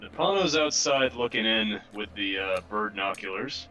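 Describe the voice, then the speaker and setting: Man tabletop player, bright tone, rambling casual chat, frequent fillers. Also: lowish voice, animated, normal speed, dull audio. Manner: loose and rambling, with lots of "uh" fillers.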